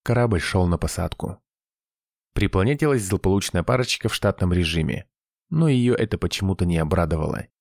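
A man narrating a science-fiction audiobook in an even, measured way. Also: low voice, gravelly, no echo, clean studio sound.

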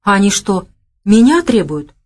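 A woman voicing a spirited, quick-tempered young woman who speaks briskly with lively questions. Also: mid-range voice.

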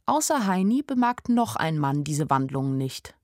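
An actress with a low-pitched, very animated, slightly mellow voice narrates at a moderate pace in a dry recording. She plays a naive but observant young village woman telling her own story, plain-spoken and wry, in a first-person radio play adapted from literature, recorded in a studio with music underneath.

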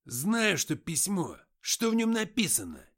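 A crude young bandit with a short fuse, put on by a man reading an audiobook. He bellows every line, his voice jumping high and swinging widely in pitch. An indignant, brawling manner in a storybook reading. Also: wildly swooping pitch, measured pace, husky, heavily acted. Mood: angry yelling. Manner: yelling, indignant. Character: hot-tempered young male bandit, loud and crude.

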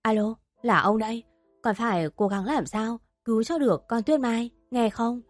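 A woman voicing a gruff, commanding elderly grandfather who heads the family. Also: fairly high pitch, moderate pace, no echo, faint music behind, lightly acted. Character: frail elderly grandfather, stern patriarch.

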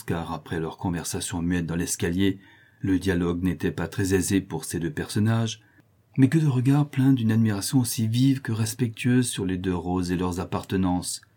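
A man reading a novel aloud as audiobook narrator, measured and expressive. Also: sits low.

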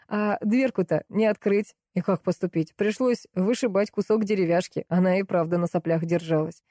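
A woman's voice: mid-range voice, normal speed, warm tone, no room sound, studio quality, natural voice. A woman reading an audiobook, voicing a rude, mocking middle-aged man who talks down to women and jeers bluntly. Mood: sneering. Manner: sneering, blunt, jeering.

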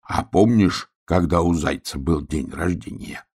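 Male narrator doing bossy storybook bear cub, low husky voice, blunt short lines. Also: measured pace, darkish tone, exaggerated voice. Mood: explaining. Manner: blunt, brusque, mumbling. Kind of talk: audiobook character voice.

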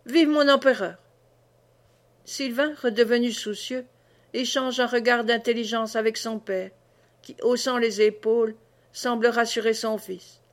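A woman narrating a historical story as an audiobook reader, in an even, measured way. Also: on the high side. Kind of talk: scripted narration.

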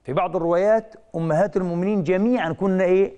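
Male preacher, quick delivery, slightly high voice, dramatic rises and whispers, rhetorical questions. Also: smooth. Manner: emotive storytelling with sudden rises and hushed drops; rhetorical questions he answers himself. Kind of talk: religious lecture.

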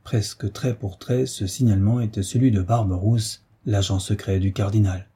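A male audiobook narrator with a low voice. His tone is dark and muffled, and very husky and breathy. He reads a novel in a measured, steady way. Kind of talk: scripted narration.

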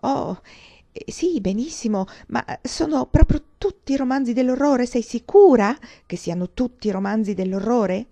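A woman voicing a naive, excitable young woman in a dramatized audiobook reading, with eager, breathless exclamations. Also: a little high, moderate pace, no echo, pitched above the performer's own voice. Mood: eager, innocent.

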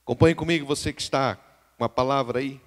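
A man's voice: medium pitch, fast talker. A man with a Brazilian Portuguese accent, preaching a live sermon as pastor and calling out to the congregation. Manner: emphatic preaching that swings between hushed and loud, calling out to the congregation.

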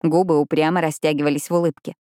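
A woman's voice: deep voice, little pitch movement, fast, warm tone, no echo, studio quality. A woman narrating a novel in an audiobook, in scripted narration.

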